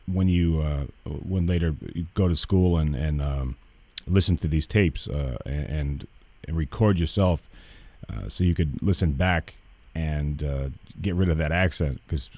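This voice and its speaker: A man interviewing a guest on the radio, halting as he asks questions, often restarting and repeating words. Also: a bass voice, darkish tone, dry recording.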